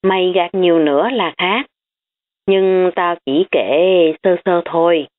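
A woman's voice: on the low side, slow pace. A woman voicing a blunt, teasing young female student, on tinny phone-like audio. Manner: frank and teasing.

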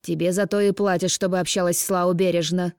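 A woman's voice: lowish voice, little pitch movement, a little fast, a little mellow, clear, resonant tone, no room sound, clean studio sound, lightly acted. Woman reading a stern grumbling healer. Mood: insistent. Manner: firm, grumbling.

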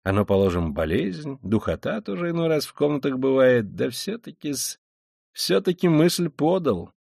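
A man's voice: mid-range voice, sing-song, normal speed, creaky, a little mellow, slightly rough, dry recording, studio quality, pitched above the performer's own voice, heavily acted. A man reading an audiobook, voicing a fussy, cunning middle-aged male investigator who talks in an ingratiating, sly way. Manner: ingratiating, sly, with old-fashioned deferential endings.

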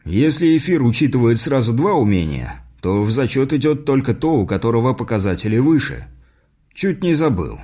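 A man voicing a patient male mentor in an audiobook, explaining things in a measured way. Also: mid-range voice, very animated, mellow. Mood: instructive.

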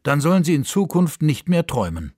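A man's voice: a little high, sing-song, fairly quick, darkish tone, no echo, studio quality, pitched above the performer's own voice. A man voicing a polite, formal little green man who decides a person's dreams, read for radio.

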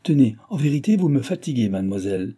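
A haughty young noblewoman issues commands with cool disdain, as a male reader puts her on. The voice sits well above the reader's usual register, yet keeps a husky, dark grain. It is an audiobook character voice. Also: medium pitch, sing-song, quick pace, voice pushed up. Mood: disdainful. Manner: imperious, disdainful.

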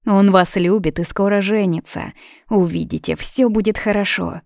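A woman voicing a kindly, chatty maid who speaks in a gentle, reassuring way. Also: medium pitch, steady tone, moderate pace, gravelly, no echo, studio quality, natural voice. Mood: soothing.

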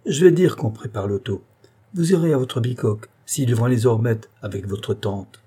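A hearty, self-satisfied country notary who boasts about his practical sense and talks in quick exclamations, as a male reader puts him on. The voice is warm and husky, lifted a little above the reader's own pitch. This is storybook narration. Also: natural voice. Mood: boastful.

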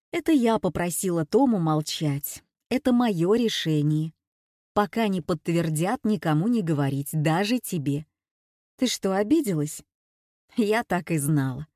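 A woman's voice: on the low side, warm tone, no echo, clean studio sound. Older woman, strong-willed sister, blunt and self-assured, read by a woman.

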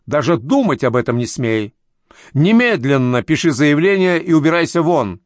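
A man reading an audiobook, voicing a harsh, overweight male boss who yells shrilly at an employee. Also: lively intonation, moderate pace, dry recording, clean studio sound, natural voice. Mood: angry. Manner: yelling, shrill when enraged. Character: harsh fat male boss, furious and cruel.

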